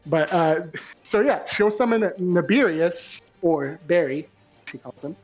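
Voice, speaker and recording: A man talks casually as a player at a tabletop role-playing game. His voice sits a little high, with faint music underneath. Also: expressive, unhurried.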